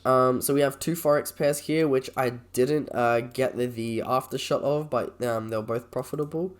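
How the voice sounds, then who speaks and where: Croaky-voiced man, casually explaining. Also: medium pitch, steady tone, normal speed. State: sick with a cold or cough. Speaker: trader presenting a video. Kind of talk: casual screen-share trade review.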